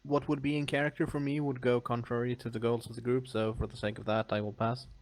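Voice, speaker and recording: Man, game player, middle pitch, casual, hesitant, measured. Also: little pitch movement, darkish tone. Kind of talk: casual group chat.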